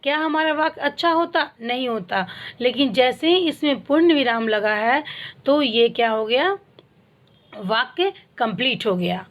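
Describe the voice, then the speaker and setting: A woman teaching a primary school Hindi class, explaining slowly and asking questions that she answers herself. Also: high-pitched, lively intonation, lo-fi sound. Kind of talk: online class lesson.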